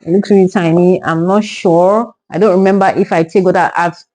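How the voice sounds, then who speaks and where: A woman's voice: fairly low pitch, fairly even intonation, fairly quick, warm tone, rough recording. A young woman from Nigeria reviewing a haul to camera in casual talk, exasperated and stumbling over repeated words when upset. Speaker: vlogger.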